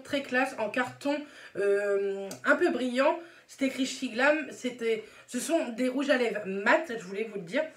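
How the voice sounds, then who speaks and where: A fairly high-voiced woman reviews makeup palettes and lipsticks in a casual, chatty way. She often stops on "euh" and stacks up repeated words. Her voice rings in an echoey room. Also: a bit bright. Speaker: beauty vlogger.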